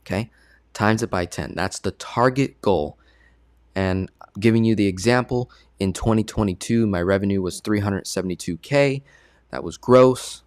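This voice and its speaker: Speaking at a normal speed in a lowish voice, a man presents casually online as a personal finance coach. His delivery is conversational, peppered with "right?" check-ins. The audio is studio quality, with no echo.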